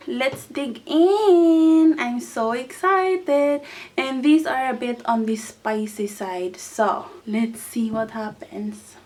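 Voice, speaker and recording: A young woman hosting a casual mukbang, chatting excitably to viewers as she eats. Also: a little high. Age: teenager to young adult. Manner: excitable, exclaiming, talking to viewers while eating. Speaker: mukbang host. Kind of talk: casual mukbang eating chat to camera.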